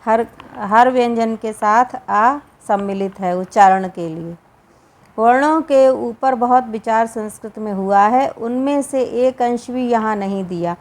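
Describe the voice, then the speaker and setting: A woman with a Hindi accent, reading and explaining a Sanskrit grammar lesson slowly and deliberately, drawing out each sound. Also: on the high side. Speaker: Sanskrit teacher.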